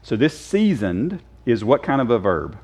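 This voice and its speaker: Lively joking teacher, a man. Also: mid-range voice, measured pace. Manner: lively, joking, quizzes the class. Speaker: Sunday school teacher. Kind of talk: casual Bible class teaching. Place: church classroom.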